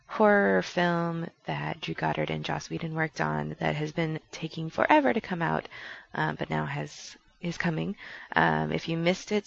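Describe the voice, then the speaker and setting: A woman's voice: low-pitched, vocal fry, dull audio. A woman hosting a podcast in a casual, rambling, chatty and self-deprecating way, recorded on a headset. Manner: chatty, self-deprecating, laughing at own slips. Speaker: podcast host.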